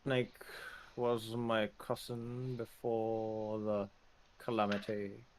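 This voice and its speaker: A man voicing a deadpan, boastful, dignified armor merchant in a slow, formal monotone for a tabletop game. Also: lowish voice, slight background noise. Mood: deadpan, courteous. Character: deadpan, dignified, boastful male shopkeeper selling fine armor. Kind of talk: in-character tabletop role-play.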